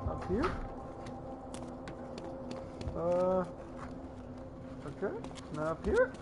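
High-voiced young man, playful wannabe tough guy gamer. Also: wildly swooping pitch, very slow, very noisy. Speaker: let's play gamer. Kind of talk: casual gameplay commentary. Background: video game music and sounds.

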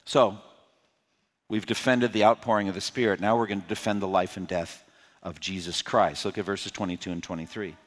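A man preaching an expository sermon as pastor. He swings between loud, rising emphasis and quiet, pleading appeals. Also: fairly even intonation, a little fast. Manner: impassioned preaching, rising loud on key points and dropping low to plead. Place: church sanctuary. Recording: long hall reverb.

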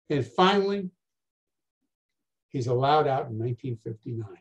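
A man's voice: medium pitch, a little mellow. An older man teaching a history lecture over a video call, conversational, with rhetorical questions and wry asides. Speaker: instructor.

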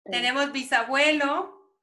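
A woman teacher with a Guatemalan Spanish accent, running an online class for young pupils, calling them affectionate names and reading words out slowly. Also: sits high, steady tone, bright, forceful tone. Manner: affectionate, calls pupils "mi amor". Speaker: primary school teacher.

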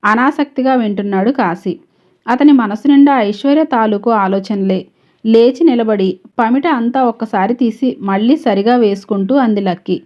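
Woman reading out a story episode, steady and measured, voice a bit high, muffled lo-fi sound. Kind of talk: serial story narration.

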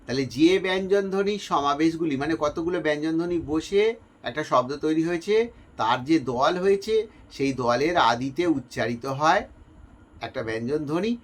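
A man's voice: a little high, moderate pace. A male teacher gives an exam-focused lecture, explaining step by step and posing questions he then answers himself.

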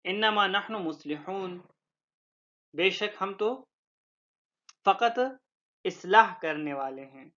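A man teaching a religious text, explaining it point by point with pauses and fillers, reciting Arabic lines slowly before translating them. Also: sits high, a bit bright, lo-fi sound. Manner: explains step by step with fillers and repetitions. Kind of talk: classroom lecture explaining a text.

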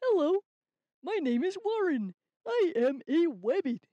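A woman's voice: very high-pitched, very animated, measured pace, mellow, faint music behind, full character voice. A woman voicing a cheerful, earnest young male rabbit in a children's puppet story, speaking in simple, careful sentences. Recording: slightly dull lo-fi sound.

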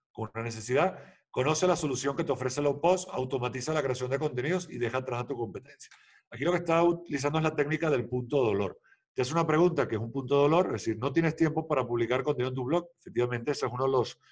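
A man giving an explanatory online lecture on social media, checking in often with the audience and using many fillers. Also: mid-range voice. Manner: explanatory, frequent "¿vale?" check-ins and "eh" fillers. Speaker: social media marketing instructor. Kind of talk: webinar lecture with slides.

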